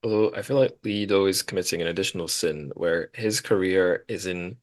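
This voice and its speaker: With a low voice and brisk delivery, this man hosts a podcast, meandering through a relaxed, self-deprecating conversation about literature.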